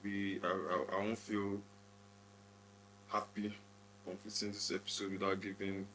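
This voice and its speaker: A man's voice: lowish voice, flat delivery, a little slow, noisy background. A man co-hosting a podcast in casual chat, earnest and emphatic. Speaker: podcast co-host.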